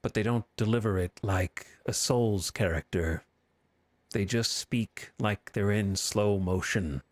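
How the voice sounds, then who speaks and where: A man mimicking a mock-dramatic video game character in an exaggerated, hammy, slow-motion delivery. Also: lowish voice, voice pushed down. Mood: mock solemn.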